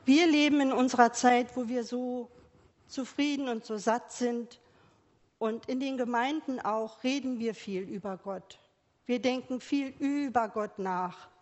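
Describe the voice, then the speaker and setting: A woman delivers a sermon at a slow, unhurried pace, her voice sitting a little high. She speaks gently and asks her listeners many quiet questions. The sound rings with the long reverb of a church hall. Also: steady tone, muffled recording. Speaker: preacher.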